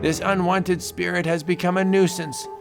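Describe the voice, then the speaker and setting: A man's voice: high-pitched, flat delivery, moderate pace, creaky, music in the background, voice pushed up. A man voicing a stern, menacing spirit official with a barking, theatrical manner, in a vintage horror comic book narration.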